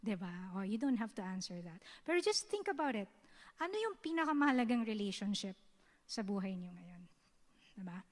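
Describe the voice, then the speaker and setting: A woman's voice: medium pitch, big pitch swings, normal speed. Woman, Filipino accent, youth sermon, conversational, keeps checking in with the crowd, long hall reverb. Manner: conversational, keeps asking "diba?". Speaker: youth service speaker. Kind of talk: Taglish sermon teaching. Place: church hall.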